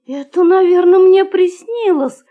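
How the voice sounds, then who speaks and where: A woman's voice: extremely high pitch, very animated, slow pace, a bit bright, full character voice. A woman voicing a small, curious puppy boy who is eager and easily scared, in a children's story reading.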